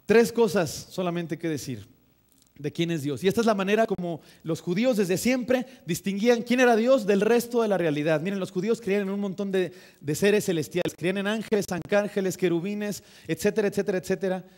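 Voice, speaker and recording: A young man with a Mexican Spanish accent preaching a sermon in church, conversational and humorous, often turning to the congregation with lively asides. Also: sits high, brisk. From northern Mexico. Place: church sanctuary.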